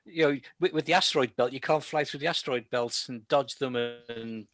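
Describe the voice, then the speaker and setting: A man's voice: medium pitch, brisk, a crowd in the background. A man hosting a space radio show, jokey and teasing in a casual chat. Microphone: video call.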